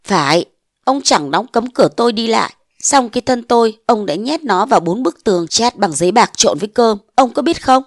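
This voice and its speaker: A woman voicing a bold, scheming young wife of a mandarin, defiant and sharp-tongued, in a storybook reading. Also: on the high side, expressive, brisk, no room sound, studio quality. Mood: scornful.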